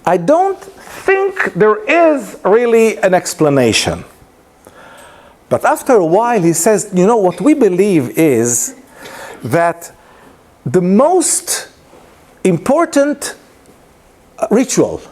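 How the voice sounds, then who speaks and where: A man with a high voice gives an informal lunchtime lecture, speaking slowly and pausing often. English isn't his first language, and his animated story comes with laughs, many hesitations and restarts.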